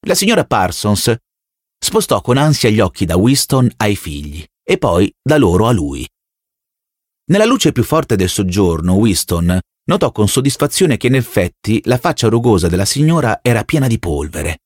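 A man narrates a novel in a low voice with measured, expressive storytelling. His pitch moves in a lively way, and the recording sounds close and dry with no room echo. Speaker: audiobook narrator. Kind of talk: scripted narration.

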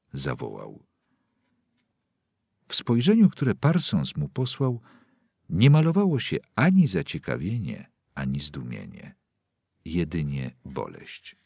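A man narrates a novel for an audiobook in a husky, lowish voice. He reads very slowly and dramatically, with wide swings in pitch. The sound is dry and close. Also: no room sound. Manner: slow, very expressive, dramatic.

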